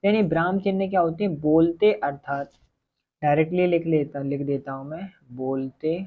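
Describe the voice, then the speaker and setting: A man teaching a Hindi grammar lesson for exam preparation, often asking questions and answering them himself, and slowing down to dictate as he writes. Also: fairly high pitch. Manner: repetitive questioning, answers his own questions; slow dictation while writing. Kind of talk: online exam-prep lesson. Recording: tinny phone-like audio.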